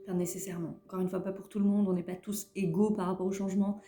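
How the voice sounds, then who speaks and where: Hesitant French woman with a dark voice. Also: mid-range voice, flat delivery, quick pace. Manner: hesitant, many fillers and repeated words; self-mocking about her English. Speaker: tarot reader giving a weekly guidance. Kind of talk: casual spoken card reading. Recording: roomy echo with faint music behind.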